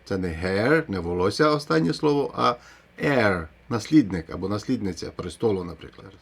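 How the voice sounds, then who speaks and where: A man's voice: lowish voice, expressive, normal speed, creaky, breathy edge. A man teaching an English pronunciation lesson, explaining the rules step by step and pronouncing English example words. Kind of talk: video lesson.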